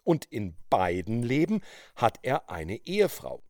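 A man tells a story in an expressive, animated reading voice. His pitch moves a lot, and the sound is dry and close. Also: a little slow, dry recording. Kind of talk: storytelling narration.

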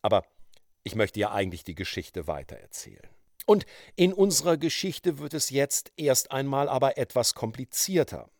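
A man tells a story in an expressive, animated reading voice. His pitch moves a lot, and the sound is dry and close. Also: moderate pace, no echo. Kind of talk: storytelling narration.

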